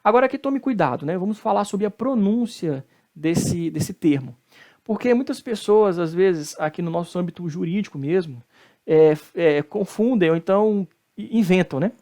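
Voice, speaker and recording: In his recorded lecture, a Brazilian Portuguese-accented law professor speaks with a high, expressive, mellow voice. He breaks things down step by step, leans on tag questions, and slows down whenever he pronounces Latin terms.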